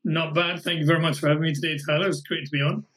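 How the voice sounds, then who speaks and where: A man's voice: a little high, flat delivery, very fast, a bit bright, rough recording. A Scottish man talking as a podcast guest, chatty, with many fillers and restarts. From Scotland. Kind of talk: casual podcast interview.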